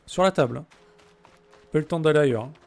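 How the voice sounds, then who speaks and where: A fast-talking let's play streamer with a fairly high, darkish voice and vocal fry banters with his viewers. He answers their messages in casual, joking gameplay chat.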